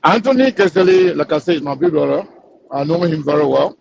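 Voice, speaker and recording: A man's voice: fairly high pitch, expressive, brisk, vocal fry, a little mellow, dull audio, slight background noise. A man on a conference call line that breaks up, talking insistently and repeating himself as a panelist in a casual call-in chat. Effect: heard over a conference call line that breaks up. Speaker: panelist on a call-in talk show.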